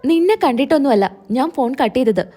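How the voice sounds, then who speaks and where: A cold, brushing-off husband, read by a woman in a high, mellow voice for a serial story recap. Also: lively intonation, fast. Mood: curt, dismissive. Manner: curt, brushing her off. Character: cold dismissive young husband.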